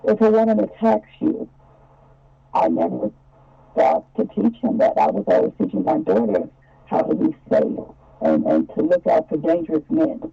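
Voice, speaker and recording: A woman guest on a radio panel with a creaky, husky voice, reflecting personally in discussion. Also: low voice, wildly swooping pitch, normal speed. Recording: dull radio sound, faint music.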